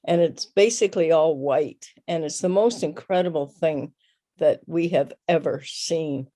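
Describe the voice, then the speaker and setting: A woman from Canada shares a comment over a video call. She speaks slowly, with a soft, mellow tone. She hesitates often and reaches for words, and her feeling stays close to the surface. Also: low-pitched. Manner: halting, searching for words, emotional. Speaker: audience member. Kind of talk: virtual Q&A comment.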